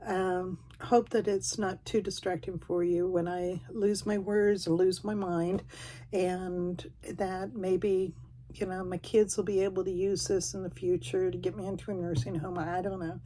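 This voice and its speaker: Level in tone and measured in pace, her warm, low-side voice carries a folksy ramble. The middle-aged craft vlogger flips through a journal, chatting casually and gently running herself down.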